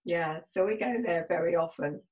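A woman's voice: lowish voice, normal speed, darkish tone, low-quality recording. A woman hosting a radio show, chatting casually and inviting her guest to share. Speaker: radio host. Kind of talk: casual chat.

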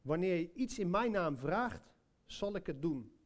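A man's voice: sits high, expressive, unhurried. A man preaching a sermon, telling a personal story in a conversational way, with many hesitations and direct questions to listeners.

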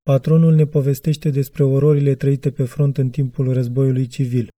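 A male reader narrating a literary audiobook in a measured, reflective manner. His voice is very dark and mellow. It is recorded close and dry. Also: mid-range voice, flat delivery, no echo.

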